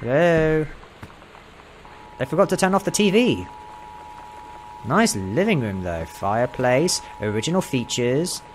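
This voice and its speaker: A man's voice: mid-range voice, big pitch swings, unhurried, long pauses, slight background noise. A man in casual, jokey, exclamatory let's-play commentary while exploring a game. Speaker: game streamer.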